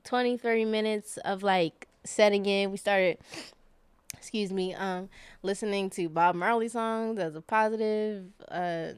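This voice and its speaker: A woman's voice: medium pitch, steady tone, measured pace, clean tone, no echo. A woman guest on a podcast, telling a personal story in a rambling, casual way with many fillers and self-corrections.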